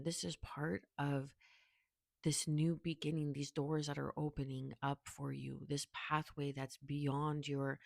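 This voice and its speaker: A woman giving a spiritual tarot reading to her viewers, soft-spoken, often checking in with a quiet "okay?" and dropping to near-whispers. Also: sits low, vocal fry, dry recording, clean studio sound. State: hiccuping. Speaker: tarot reader.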